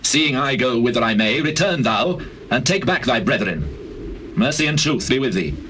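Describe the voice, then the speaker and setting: A man's voice: mid-range voice, expressive, sharp tone. An actor playing a grave, dignified old king in a dramatized scripture, speaking solemnly and formally with a British accent. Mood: solemn, gracious. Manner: solemn, measured formal speech. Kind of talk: dramatized scripture, classical stage acting. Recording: noisy old cassette tape, birdsong behind.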